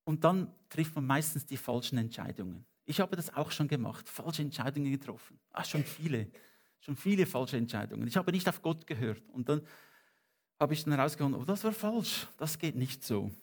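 A man preaching a sermon in German, earnest and pleading, with slow stressed phrases and lifts of emphasis. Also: mid-range voice, expressive. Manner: earnest, rising to emphatic peaks.

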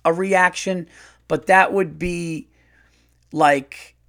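A middle-aged man hosts a loose comedy podcast, reading listener letters aloud. He reacts bluntly and animatedly, laughing and swearing. His voice sits a bit high for a man. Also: fairly even intonation, very slow, fairly bright tone. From United States. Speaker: podcast host.

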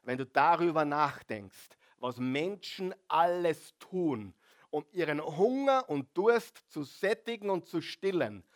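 A man's voice: a little high, big pitch swings. A male pastor preaching a sermon, drawing out key words and asking the congregation to repeat phrases after him. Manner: calls on the congregation to repeat phrases, drawn-out emphasis.

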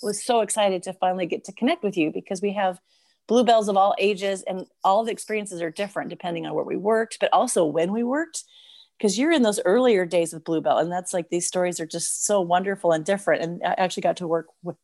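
A former dancer hosting a podcast conducts a casual remote interview, bubbly and enthusiastic, rambling a little and apologizing as she asks her questions. Her medium-pitched voice is fast with a darkish tone.

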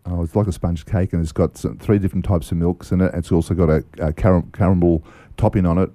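Middle-aged Aussie man, very low dark voice, quick and rambling, dry studio sound. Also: steady tone, dry recording. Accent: Australian. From Australia. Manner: rambling, hesitant, with many fillers. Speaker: festival organiser guest. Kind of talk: casual radio interview. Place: radio studio.

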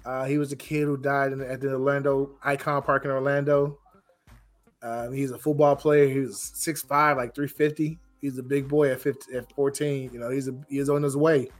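A man hosting a casual podcast in a raspy, rough voice, hoarse from getting over a cold, talking informally with plenty of you-knows. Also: medium pitch, level tone, moderate pace. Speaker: podcast host.

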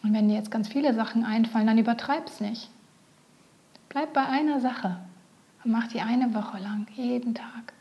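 A woman leading a guided meditation, speaking softly and often in a whisper. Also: fairly high pitch. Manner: slow, soft, often whispered.

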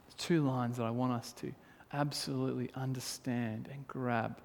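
A man's voice: medium pitch, fairly even intonation, moderate pace, vocal fry, a little mellow, slight background noise. A man preaching a sermon as pastor, reading scripture aloud and then pressing his points with rising emphasis. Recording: long hall reverb.

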